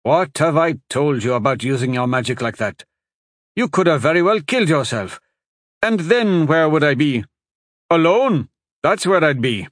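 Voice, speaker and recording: A man's voice: on the high side, big pitch swings, slow, no room sound, clean studio sound, voice pushed up, full character voice. A man voicing a folksy, blunt older husband who speaks plainly and scolds when worried. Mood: scolding.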